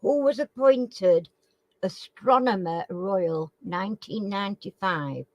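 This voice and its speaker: A live chat quiz host talks informally, reading quiz questions aloud and repeating them with slightly slurred, toothless articulation. Her mid-range voice moves at a slow pace in a dry, lo-fi recording.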